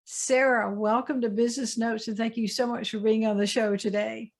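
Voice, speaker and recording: A woman's voice: fairly high pitch, fairly even intonation, normal speed. A woman who hosts an interview show, reading a scripted introduction and then asking her guest questions. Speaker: host. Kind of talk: interview hosting.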